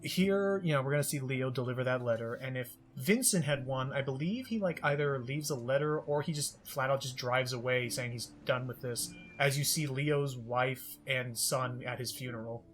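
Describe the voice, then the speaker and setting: A man's voice: mid-range voice, moderate pace, few pauses, fairly bright tone, soft background music. A man giving casual, wordy commentary on a co-op game, explaining as he goes. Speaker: gaming video commentator.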